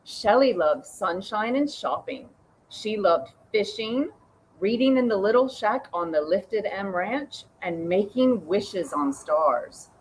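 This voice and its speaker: A woman reading a children's book aloud with slow, expressive storytelling. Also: mid-range voice, a little hiss or hum, rough recording. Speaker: reader.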